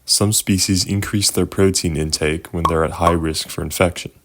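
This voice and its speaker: A man co-presenting scripted educational narration in a measured, expository manner. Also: low-pitched, steady tone, fairly bright tone.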